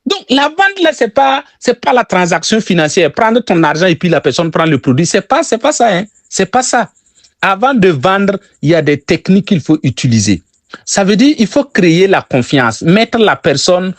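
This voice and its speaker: A man's voice: high voice, very animated, moderate pace, no room sound. A man from Burkina Faso with a Burkinabè French accent, teaching sales techniques and repeating his key phrases for emphasis. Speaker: sales trainer.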